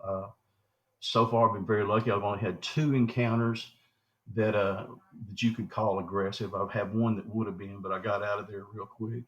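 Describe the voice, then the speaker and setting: A man's voice: on the low side, steady tone, normal speed. A man, telling long folksy stories in an interview. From southwestern Arkansas. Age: 60s. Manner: folksy, acts out quoted dialogue. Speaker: guest, Bigfoot researcher. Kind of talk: rambling storytelling interview. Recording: dull lo-fi recording.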